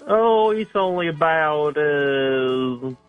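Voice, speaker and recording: Hesitant male caller heard over the phone, slow, slightly high voice. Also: lively intonation, smooth, soft background music. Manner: hesitant, stammering with fillers. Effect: heard over a phone line. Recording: tinny phone line.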